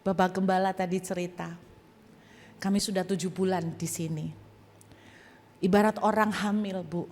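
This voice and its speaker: A woman's voice: lowish voice, normal speed, long pauses, long reverb tail, slight background noise. A woman pastor preaching a sermon and telling her own testimony, acting out voices and speaking straight to the congregation. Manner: animated storytelling, acting out voices and addressing the congregation directly. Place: church hall.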